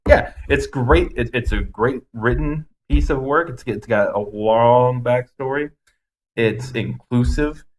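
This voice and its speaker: Slow and medium-pitched, a podcast co-host rants about movies in casual chat, giving blunt, emphatic opinions with some swearing. The recording quality is low.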